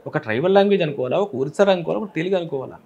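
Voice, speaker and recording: A high-voiced man with a Telangana Telugu accent talks quickly and with a lot of movement in his voice. He is a film director in an interview, explaining his choices with examples from village speech. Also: expressive, creaky, warm tone, husky, lo-fi sound. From Telangana, India.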